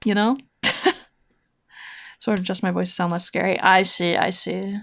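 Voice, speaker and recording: Her low, gravelly voice has a slight brightness and a flat delivery at a moderate pace. A VTuber streaming online mahjong, she rambles casually in slang, musing aloud and responding to what her chat says.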